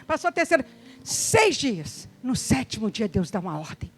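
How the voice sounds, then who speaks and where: High-voiced Brazilian woman pastor preaching. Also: normal speed, a little hiss or hum. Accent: Brazilian Portuguese. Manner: animated, calls the congregation to answer back. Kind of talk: lively sermon to a congregation.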